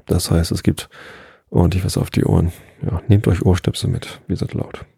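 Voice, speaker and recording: Musician guy reading a kids book out loud, deep raspy voice, dry close sound. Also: normal speed, dry recording. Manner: casual, relaxed chat then calm reading. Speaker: band musician reading a story. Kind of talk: storybook reading aloud.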